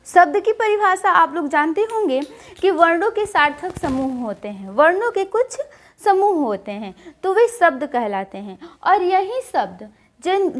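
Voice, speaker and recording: A woman with a very high voice explains grammar like a teacher at the board. She restates each point in new words and slows down to read example sentences word by word. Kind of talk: explanatory classroom lesson.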